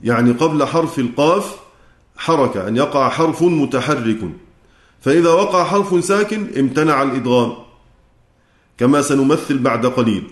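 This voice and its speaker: A man with an Egyptian Arabic accent teaching Quran recitation rules in a lecture. He explains step by step, chants the verse lines slowly, and checks in with his students. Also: medium pitch, roomy sound. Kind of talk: lecture explaining a classical poem.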